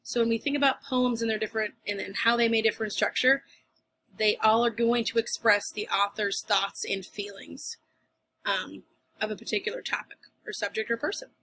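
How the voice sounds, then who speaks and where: A woman's voice: medium pitch, fairly even intonation, moderate pace, vocal fry, bright, forceful tone, a little hiss or hum. A woman teacher giving a recorded lesson to her students in a chatty way, with casual asides and restarts.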